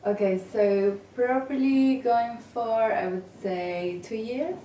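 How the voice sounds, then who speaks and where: A soft-spoken woman with a fairly high pitch, raised in England and Venezuela, speaks slowly as a guest graphic designer giving casual interview answers. She sounds hesitant, full of fillers and restarts. The mic is distant in an echoey room, with faint noise.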